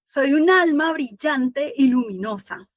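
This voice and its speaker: Woman doing an awed bright soul, earnest, eager, higher voice, dry. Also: expressive, takes it slowly, no echo.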